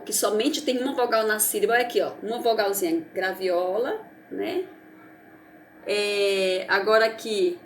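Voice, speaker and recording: A woman's voice: medium pitch, sharp tone, slight background noise. A woman teacher with a Brazilian Portuguese accent, reviewing a lesson for young children in a patient, encouraging way that often checks they follow. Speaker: primary school teacher.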